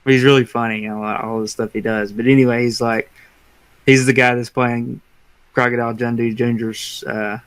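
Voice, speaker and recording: A man co-hosting a casual podcast, reading out trivia questions and answer options slowly and deliberately. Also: mid-range voice, level tone, smooth, no echo, rough recording. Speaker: podcast co-host running a trivia quiz.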